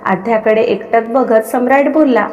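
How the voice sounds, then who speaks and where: A woman storyteller giving a steady, dramatic scripted narration of a story. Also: on the high side, moderate pace, highs cut off. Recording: long reverb.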